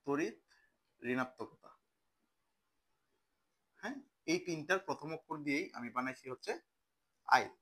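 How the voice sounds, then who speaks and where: This young male chemistry tutor speaks quickly with lively intonation and frequent pauses, his voice slightly high, pushed, and bright. He teaches casually and conversationally, often posing a question and then answering it himself.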